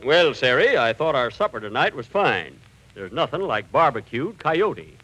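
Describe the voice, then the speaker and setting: Folksy western cabin husband, lively pitch. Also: male voice, moderate pace, faint music behind. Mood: folksy, easygoing. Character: folksy, calm male desert cabin dweller, western husband. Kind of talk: 1930s-40s radio comedy acting. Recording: noisy old radio recording.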